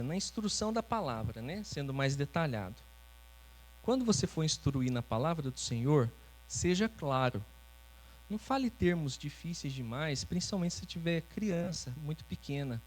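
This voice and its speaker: A man's voice: a little high, rough recording. A man preaching as pastor, teaching in a conversational way and often checking in with his listeners. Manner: conversational, often ends phrases with "né?". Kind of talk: teaching sermon with congregation interaction. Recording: faint mains hum.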